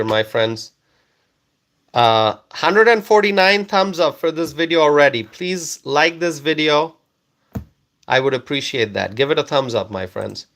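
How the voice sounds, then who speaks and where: Hosting a live stream, a man from Bangladesh, Bengali being his first language, goes through viewer comments slowly, repeating himself to coax responses. His mid-range voice has vocal fry and a fairly bright tone.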